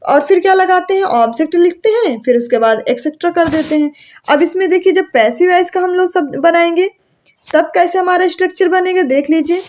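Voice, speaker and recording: A young woman with a high voice teaches a grammar class. She keeps asking the class questions and then answers them herself, and she drags out the words of her example sentences. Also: a little mellow. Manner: drawls example sentences slowly.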